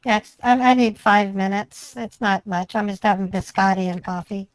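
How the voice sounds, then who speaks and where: A man's voice: high-pitched, flat delivery, moderate pace, no room sound, pitched above the performer's own voice, close to an everyday voice, low-quality recording. A man putting on the voice of a stubborn, irritated woman bank customer who argues insistently and keeps repeating herself in an improvised phone prank. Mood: quiet, muttering.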